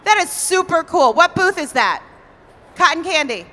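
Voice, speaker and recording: A woman's voice: extremely high pitch, sing-song, normal speed, pushed and bright, in a large hall. A woman hosting a live cooking stage at a convention, bubbly and a little flustered. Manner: bubbly, flustered, laughing at herself. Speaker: event emcee. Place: large convention hall stage.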